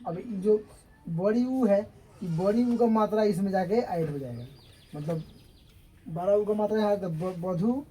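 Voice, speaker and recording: A man's voice: high-pitched, a little slow, warm tone, a little hiss or hum, poor audio. A male teacher giving a classroom grammar lecture, explaining step by step and often checking that students understand.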